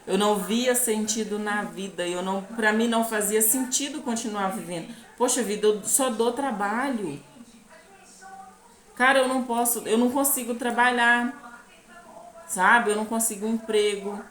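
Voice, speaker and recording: A woman with a Brazilian Portuguese accent telling her own life story in a halting, earnest way, often checking that the listener follows. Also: fairly high pitch, a bit bright, roomy sound. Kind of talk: personal testimony to camera.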